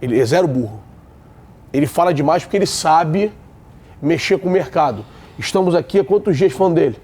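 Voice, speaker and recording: Man, Rio accent, high voice, blunt, repeats himself, heated football debate. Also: animated, brisk, darkish tone, slightly rough. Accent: Brazilian Portuguese, Rio de Janeiro. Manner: blunt, emphatic, repeats points. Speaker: sports debate panelist.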